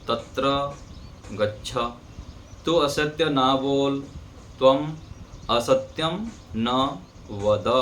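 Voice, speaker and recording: Male Sanskrit teacher, unhurried, mid-pitched, faint background hiss. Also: fairly bright tone. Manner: patient, repeats sentences word by word. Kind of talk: slow classroom grammar lesson. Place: ashram classroom with birds outside.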